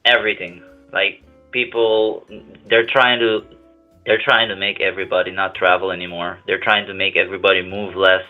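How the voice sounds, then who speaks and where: A man's voice: sits low, flat delivery, normal speed. Man calling in on a speakerphone. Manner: hesitant, restarts and repeats words. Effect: on speakerphone over a phone line. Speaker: caller. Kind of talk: casual call-in chat. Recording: tinny phone line with faint music.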